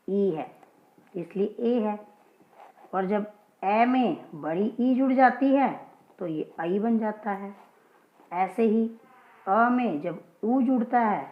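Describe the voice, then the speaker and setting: A woman gives a casual grammar lesson, patient and steady, often checking that her listeners follow. She asks a question and then answers it herself. The sound is dull and lo-fi, with a roomy echo. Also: mid-range voice. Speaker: Hindi grammar teacher. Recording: dull lo-fi, echoey room.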